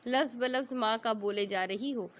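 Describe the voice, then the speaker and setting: Woman narrator doing a soft-spoken loving dad, worn out. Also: on the high side, moderate pace, close to an everyday voice. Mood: fond. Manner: gentle, fond. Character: tired, affectionate middle-aged father.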